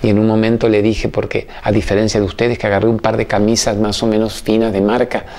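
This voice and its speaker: Middle-aged man, Argentine accent, TV host, motivational talk, gravelly voice, quick bursts then slow emphatic lines. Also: on the low side, little pitch movement, darkish tone. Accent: Argentine Spanish. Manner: storytelling, fast bursts and slow emphatic phrases. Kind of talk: motivational talk to a studio audience.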